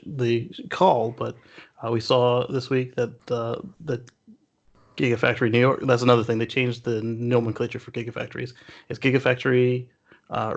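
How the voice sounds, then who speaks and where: A man with a gravelly, fairly middle-pitched voice talks through news casually as a show co-host. He speaks haltingly, and the audio is a bit dull and lo-fi.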